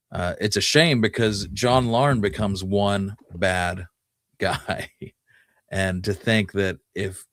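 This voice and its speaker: A low-voiced man co-hosts a casual, conversational history podcast, presenting research on the Old West. He explains things informally in a storytelling way, and the audio is clean studio sound with no echo.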